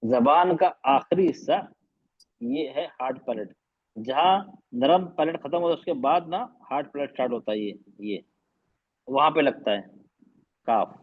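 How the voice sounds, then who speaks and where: A man's voice: medium pitch, animated, normal speed, long pauses. Patient male teacher on a muffled video call. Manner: patient, repeats points, mixes English phrases. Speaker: tajweed teacher. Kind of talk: online class explanation.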